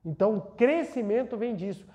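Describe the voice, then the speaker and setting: A man with a Brazilian Portuguese accent gives an earnest spiritual talk and leads a guided meditation, repeating words for emphasis. His high-pitched voice is warm, with lively intonation, and he speaks fairly quickly.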